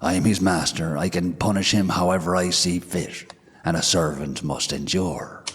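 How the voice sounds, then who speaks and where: A man voicing a menacing male headless horseman spirit, slow and commanding. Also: sits low, steady tone, fairly bright tone, husky, heavily acted. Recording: long hall reverb.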